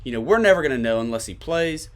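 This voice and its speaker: A man's voice: mid-range voice, animated, fast talker. A man with a Tennessee accent hosting a sports podcast, giving emphatic commentary to his listeners and repeating his points for stress.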